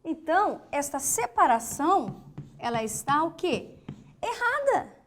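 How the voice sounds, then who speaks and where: A woman's voice: sits high, animated. A Brazilian woman teaching an online grammar lesson, spelling out words syllable by syllable and posing questions to the students. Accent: Brazilian Portuguese. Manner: slow, emphatic, spells out syllables and asks rhetorical questions.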